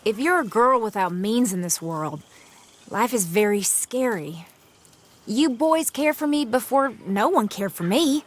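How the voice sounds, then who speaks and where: A grateful young woman in a game's outlaw gang. She speaks earnestly and from the heart, in a slightly high voice. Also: animated, unhurried.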